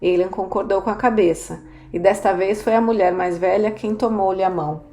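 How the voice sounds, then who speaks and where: A woman narrating a novel as an audiobook, reading in a calm, steady way. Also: medium pitch, normal speed. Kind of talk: scripted narration. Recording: roomy echo, faint music.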